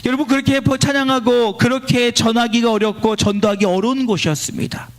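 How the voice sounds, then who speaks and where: A male pastor preaching at a church service, leading a line-by-line scripture reading and swinging between loud exclamations and quiet storytelling. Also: extremely high pitch, steady tone, fairly quick. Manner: exclaims praise lines loudly, then drops to quiet storytelling. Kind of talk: sermon.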